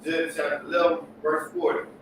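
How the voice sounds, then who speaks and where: A man in a Bible class reading scripture aloud in a halting, careful way. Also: fairly high pitch, flat delivery. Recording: echoey room, distant mic, clear noise.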